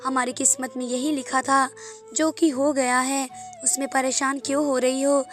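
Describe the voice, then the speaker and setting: A gentle older brother from a spoken storybook, soothing and reassuring in a soft, tender way, as a woman narrator reads him. The voice sits high and stays fairly level, with faint music underneath. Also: little pitch movement, moderate pace. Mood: consoling. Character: gentle older brother consoling his sister.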